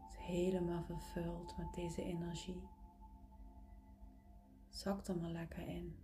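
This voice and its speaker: A woman leads a guided relaxation in a mellow, slightly low voice that stays very even. She is soft and partly whispery, intimate, as if right in the listener's ear. Her soothing phrases come with gentle pauses. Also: faint music behind. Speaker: guided meditation leader.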